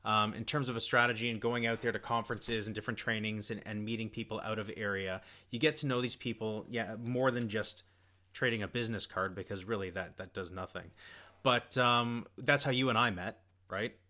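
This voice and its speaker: A man's voice: on the low side, steady tone, a little fast, pushed and bright. A Canadian man hosting a casual interview, summing up and asking leading questions. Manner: friendly, leading questions with summaries. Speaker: podcast host. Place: Toronto-area.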